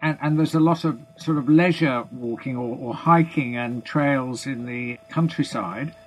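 British guy asking questions, lots of ums and stumbles, mid pitch. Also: a little slow, low-quality recording. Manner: hesitant, many repeated words and ums. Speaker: interviewer. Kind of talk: interview questions.

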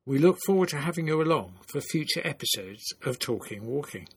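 A man hosting a podcast, reading a measured, formal closing announcement. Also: fairly high pitch, sing-song. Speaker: podcast host. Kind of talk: scripted outro narration.

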